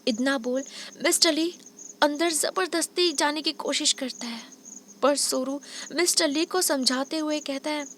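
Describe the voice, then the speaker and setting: A woman narrating a dramatic fan fiction story, expressive and unhurried, over background music. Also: sits high, slight background noise.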